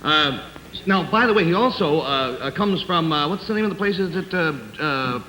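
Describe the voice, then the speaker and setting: A man's voice: fairly high pitch, expressive, normal speed, slight background noise. A man hosting a live 1950s TV broadcast game show, genial and rambling with frequent hesitations. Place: TV studio stage with live audience. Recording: old 1950s TV broadcast, echoey studio hall, loud audience and music.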